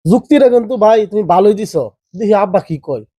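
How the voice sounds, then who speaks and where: Guy doing a keen little brother, quick and high. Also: expressive, mellow, no room sound, clean studio sound. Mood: eager. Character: younger brother backing the scheme.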